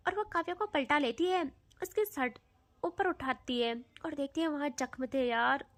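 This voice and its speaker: Very high-voiced woman storyteller. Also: moderate pace. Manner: chatty, addresses listener with asides. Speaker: narrator. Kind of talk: casual audio love story narration.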